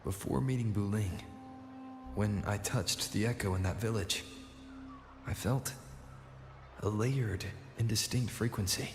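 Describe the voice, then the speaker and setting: A man playing a calm, solemn fantasy traveller and seer in a video game, his voice heavily reverberant. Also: on the low side, unhurried, long pauses, faint music behind. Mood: solemn, reflective. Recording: heavy echo and long reverb.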